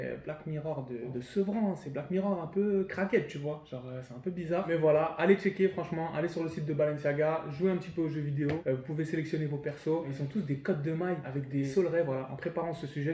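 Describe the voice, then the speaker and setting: A man's voice: fairly high pitch, dark tone, reverberant. Slangy young man hosting a comic chat. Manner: joking, slangy, quick asides. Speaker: show host. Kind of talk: casual comic news chat.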